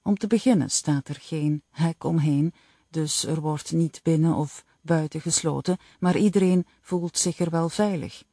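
Slow, dark-toned woman narrating. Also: deep voice, no room sound. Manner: slow, even reading. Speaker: audiobook narrator. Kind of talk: first-person audiobook narration.

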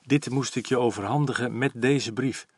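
A man's voice: mid-range voice, moderate pace, breathy edge, dry recording. A man voicing a jovial, blunt older male notary who talks in a hearty, slightly teasing way. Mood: businesslike.

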